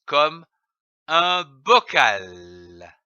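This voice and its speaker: A man narrating a reading lesson, spelling out letters and syllables one by one with long, careful pauses. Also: a little high, big pitch swings, sharp tone, clean tone, no room sound. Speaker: reading teacher. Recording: dull, lo-fi dry voice-over.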